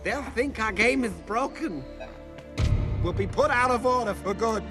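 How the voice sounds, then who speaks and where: A man's voice: very high-pitched, animated, a little slow. An actor playing an eccentric, scheming cartoon villain, a racing-game king with a theatrical, gloating manner. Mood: grave, pleading. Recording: film clip with loud music. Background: loud film score.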